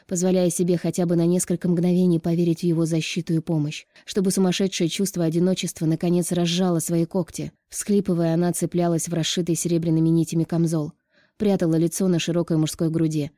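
A woman narrating an audiobook in an even, measured way. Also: on the low side, dry recording, studio quality.

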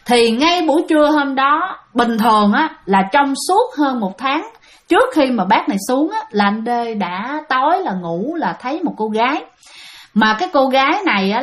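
A woman telling a ghost story in a chatty way, often addressing her listeners directly. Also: on the high side.

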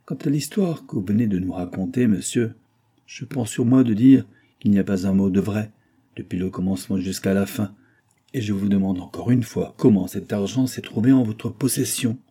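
A man's voice: fairly low pitch, normal speed, mellow, slightly rough. A man reading the part of a stern, indignant male merchant who accuses a clerk, in a severe and accusing manner.

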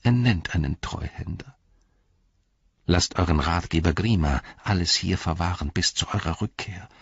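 A man voicing a sly, treacherous male royal adviser, slow and wheedling. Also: low voice, vocal fry, husky, no echo, highs cut off, heavily acted. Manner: wheedling, drawn-out.

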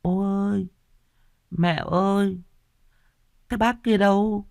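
Small toddler boy, lisping baby talk, very high voice, dry close sound. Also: fairly even intonation, takes it slowly, creaky, a little mellow, no echo, full character voice. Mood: insistent. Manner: lisping, babbling child speech.

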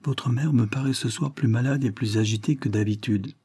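A man reading as a courteous gentleman lawyer. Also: medium pitch, normal speed, breathy edge, dry recording, close to an everyday voice.

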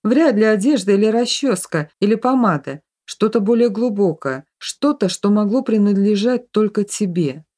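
Old witch grandma voiced by a woman, stern and bossy, mellow warm tone, slow chanting incantations, storybook reading. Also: mid-range voice, lively intonation, close to an everyday voice. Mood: irritated. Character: elderly village witch grandmother, stern and commanding.

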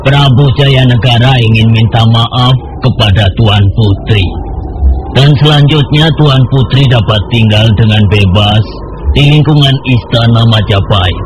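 A man playing a flattering, deferential royal soldier who speaks persuasively in an Indonesian radio drama. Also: medium pitch, a little slow, natural voice. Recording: noisy radio drama recording.

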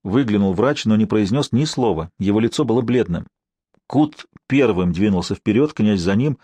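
A man's voice: lively intonation, moderate pace, warm tone, no room sound. A man narrating a historical novel as an audiobook, reading evenly and lifting his voice for the characters' outbursts. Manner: reads evenly, raises pitch and volume for characters' outbursts.

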